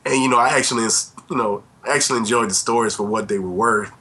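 A man's voice: mid-range voice, fast, bright, forceful tone. A middle-aged man co-hosting a podcast, reminiscing casually in a rambling, self-deprecating way full of little asides. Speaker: podcast co-host.

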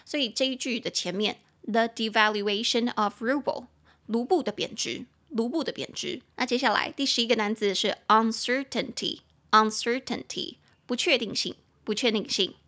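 Lively bilingual woman teaching English vocabulary. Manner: spells words out slowly, shifts between English and Mandarin; chatty, with playful high-pitched asides. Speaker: English teacher and podcast host. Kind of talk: bilingual vocabulary lesson podcast.

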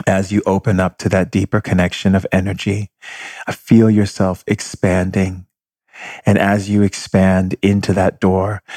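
A man leading a guided meditation with slow, calm instructions. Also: low voice, dry recording, clean studio sound.

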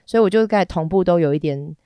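Hoarse, stuffy-nosed woman podcaster. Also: lowish voice, quick pace, dark tone, no room sound, clean studio sound. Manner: frank, bawdy and giggly, rambling. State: hoarse and congested. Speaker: podcast host. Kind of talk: casual solo podcast chat.

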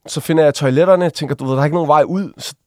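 A man, a guest on an interview, telling a personal story casually, with halting restarts and vivid acted-out quotes. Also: on the high side, a little mellow, no echo, studio quality. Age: adult. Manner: vivid, acts out quoted voices while retelling.

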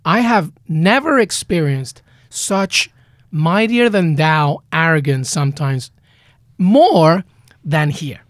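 Passionate, lively voice from Peru. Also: male voice, on the high side, no room sound, studio quality. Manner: passionate, drawn-out emphasis. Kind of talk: casual soccer talk.

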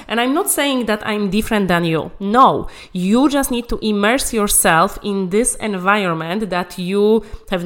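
An emphatic woman coaches English conversation in a medium-pitched, slightly bright voice. A native Polish speaker, she gives a motivational talk on language learning, encouraging listeners and repeating key phrases.

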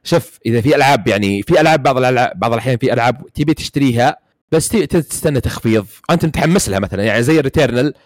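Here a man speaking with a Saudi Gulf accent rambles through casual gaming chat, full of fillers and restarts. The medium-pitched delivery is animated and rapid, captured as a dry, clean studio recording.

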